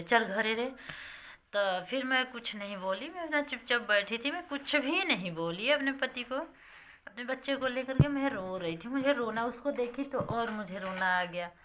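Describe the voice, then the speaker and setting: A woman's voice: a little high, sharp tone. A young woman, recounting a personal story to her viewers in a plain, repetitive way and calling them friends. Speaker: vlogger.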